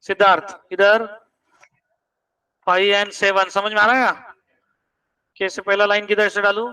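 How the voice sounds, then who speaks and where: A man's voice: high-pitched, flat delivery, a little slow, bright, forceful tone, clear, resonant tone, recorded from a distance, rough recording. A man teaching math in a classroom, quizzing students and pressing them to check each step. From India.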